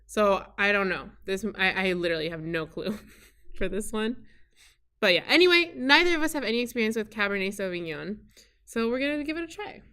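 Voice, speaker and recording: A woman's voice: mid-range voice, animated, fairly quick, fairly bright tone, clear, resonant tone. A young woman co-hosting a casual podcast, chatty and upbeat, laughing often. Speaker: podcast co-host.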